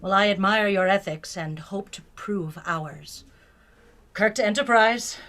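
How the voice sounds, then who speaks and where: A woman playing a principled, composed female starship captain in a sci-fi fan audio drama, speaking in a measured, formal way. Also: mid-range voice, heavy background noise, lightly acted. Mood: composed, firm.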